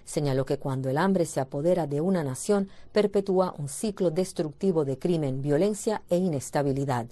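A woman correspondent reading a news report on the radio in a measured, even way. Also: low-pitched.

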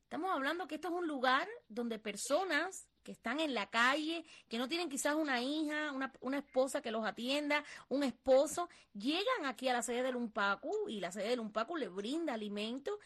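A woman interviewer with a high voice asks her questions in a sympathetic, exclaiming way. She speaks in clear, plain phrases. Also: animated, normal speed, hardly any pauses, fairly bright tone.

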